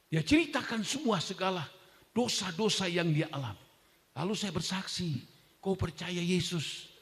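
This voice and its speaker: A male pastor telling a testimony in a sermon, unhurried and storytelling, breaking now and then into loud shouted prayer. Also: a little high. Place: church hall. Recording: echoey church hall.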